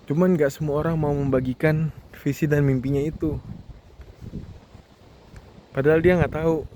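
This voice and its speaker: This is a casual walking monologue from a thirty-year-old podcast host, recorded outdoors on a campus football field with noisy, clearly audible ambience. His voice is fairly high yet dark in tone, fairly even in intonation, at a moderate pace, as he reflects informally to himself vlog-style.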